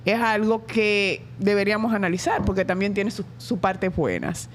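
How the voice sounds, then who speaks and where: A middle-aged woman from the Dominican Republic with a Dominican Spanish accent, a school director answering interview questions in a reflective way, with many pauses and hesitations. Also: mid-range voice, animated, a little hiss or hum.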